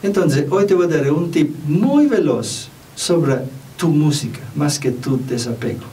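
A man from Europe gives a spiritual talk in a fairly high, mellow voice. He speaks unhurriedly and conversationally, and he keeps putting questions to the listener. He sits well back from the mic, so his voice sounds distant. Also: lively intonation, measured pace, a little hiss or hum. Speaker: spiritual teacher.

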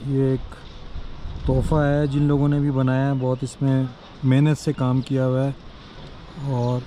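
A man, narrating a travel vlog with measured, admiring commentary. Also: medium pitch, monotone, warm tone, a little hiss or hum. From Pakistan. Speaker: travel vlogger.

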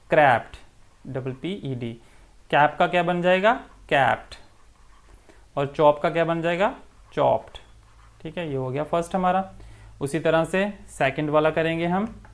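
A man teaching an English textbook lesson, explaining in Hindi and reading the English words slowly, one at a time. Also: on the high side.

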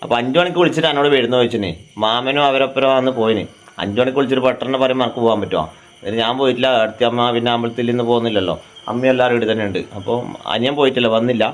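A man's voice: medium pitch, rapid-fire. A man, chatting casually to viewers at home as a family vlogger and asking teasing questions. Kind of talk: casual vlog chat. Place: at home indoors.

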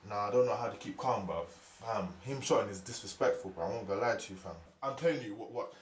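An actor playing an angry young street hustler, heated and swearing on the phone. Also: male voice, fairly low pitch, quick pace, roomy sound, lightly acted. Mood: scheming. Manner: heated, swearing, slang-heavy.

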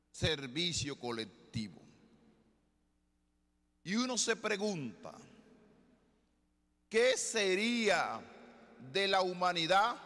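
Slow-preaching bishop in a reverberant basilica. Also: male voice, high-pitched, sharp tone. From Dominican Republic. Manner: slow, deliberate preaching with rhetorical questions. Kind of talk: sermon. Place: large basilica with congregation. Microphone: ambo microphone, far camera. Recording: long church reverb.

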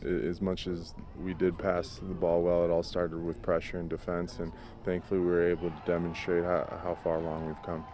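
A man interpreting a player's answers into English in a relaxed, conversational way, paraphrasing with fillers. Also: low-pitched, moderate pace, hardly any pauses.

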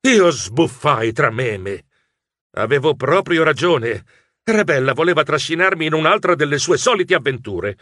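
A man narrating a children's audiobook in first person as a nervous mouse writer, in an expressive storytelling voice. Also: fairly high pitch, moderate pace, dry recording, clean studio sound.

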